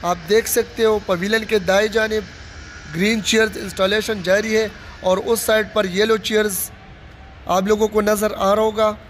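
A Pakistani vlogger with a high, slightly bright voice narrates a walking tour of a stadium under construction, filmed outdoors on his handheld phone. He speaks in a level tone at normal speed, giving plain running commentary and repeating phrases. Faint outdoor ambience and slight background noise sit under his voice.

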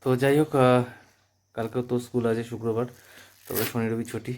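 At home at night, a man in his thirties chats casually for a family vlog, patiently drilling his daughter on pronunciation and tossing in chatty asides about his day. His mid-range voice is a little mellow, with little pitch movement and a moderate pace, and there's slight background noise.

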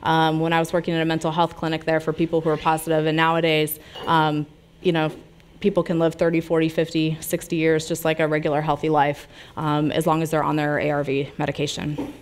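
A woman's voice: sits low, monotone, fairly quick, clear, resonant tone. A middle-aged woman from the United States giving an informal public health talk and answering audience questions in a small lounge, speaking conversationally and gesturing freely. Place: small lounge with brick walls, seated audience.

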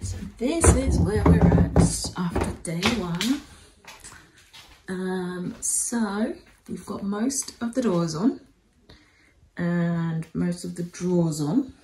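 Filmed in her kitchen on a phone held at arm's length, a home vlogger talks casually with many ums and likes. Her voice sits on the low side, with lively intonation and a slow pace. The recording is rough, with music underneath.

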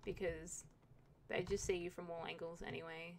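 A woman's voice: lowish voice, level tone, moderate pace, creaky, a little hiss or hum. A young woman giving casual, jokey commentary while playing a video game, swearing now and then. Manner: chatty, swears, jokey asides. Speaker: game streamer. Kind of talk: casual let's-play commentary.

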